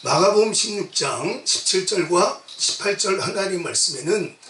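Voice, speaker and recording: A man preaching a sermon with a fairly high voice. He presses each point with short, repeated urgings that draw replies from the listeners. The sound is roomy and distant, as if the mic sits well away from him in a large sanctuary. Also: expressive, moderate pace, bright, forceful tone. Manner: emphatic, repetitive exhortation with call-and-response. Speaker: pastor. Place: church sanctuary at a retreat. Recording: echoey hall, mic at a distance. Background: congregation answering amen.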